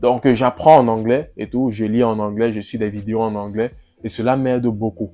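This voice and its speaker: A man with a fairly low, mellow voice talks through a casual vlog. He is relaxed and repetitive, restarting phrases and filling pauses. Soft guitar music plays faintly behind him. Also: highs cut off. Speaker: vlogger. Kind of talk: casual first-person vlog.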